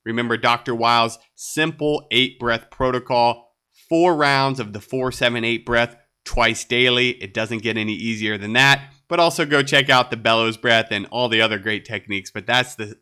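A man hosting a solo podcast episode in a laid-back, upbeat way, sounding a bit nasal from a cold and often tossing in a quick "right?". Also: medium pitch, pushed and bright, clear, resonant tone. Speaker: podcast host.

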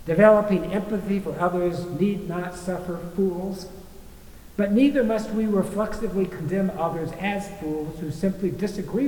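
A man delivering a sermon in a measured, rhetorical way, with deliberate pauses. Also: darkish tone. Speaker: preacher. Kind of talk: sermon with read-out quotations. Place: large reverberant indoor hall. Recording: echoey hall, faint noise and rumble.

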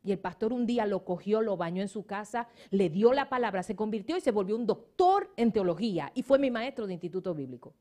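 A woman's voice: mid-range voice, fairly quick, hardly any pauses. A middle-aged woman pastor, preaching and telling stories with emphasis and dropping in English words. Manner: animated storytelling, emphatic, slips into English words. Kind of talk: sermon.

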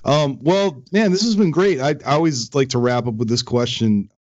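A man's voice: medium pitch, normal speed, dry recording, dull audio. A man from Maryland hosting a podcast, talking casually with many restarts. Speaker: podcast host. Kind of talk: casual interview.

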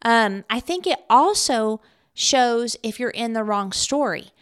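A woman's voice: fairly high pitch, animated, slow, fairly bright tone, smooth. A woman co-hosting a casual chat, supportive, with frequent affirmations. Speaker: podcast co-host.

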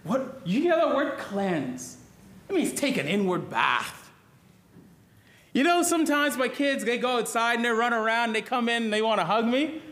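Bright high-voiced man preaching a sermon. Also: animated, moderate pace. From Bahamas. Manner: earnest, repeats and restarts words, asks the listeners questions. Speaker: pastor.

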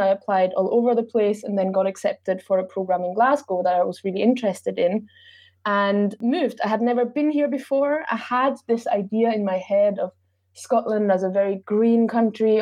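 Austrian woman, 30s, chatting easy in an interview, lots of ums. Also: mid-range voice. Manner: relaxed, chatty, with filler ums. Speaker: travel blogger and podcast guest. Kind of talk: casual interview answers.

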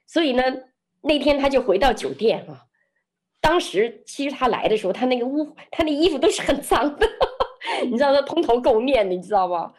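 Middle-aged woman guest, husky voice, sweeping intonation, vivid storyteller. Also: sits high, a little fast. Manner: expressive, lively storyteller who laughs often. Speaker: interview guest. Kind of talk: animated testimony storytelling.

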